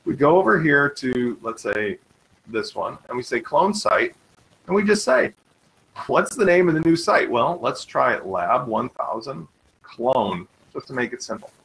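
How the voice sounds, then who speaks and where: A man hosting a live web tutorial, talking fast and eagerly in an informal sales manner while demonstrating software. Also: medium pitch, big pitch swings, gravelly, rough recording. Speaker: webinar host.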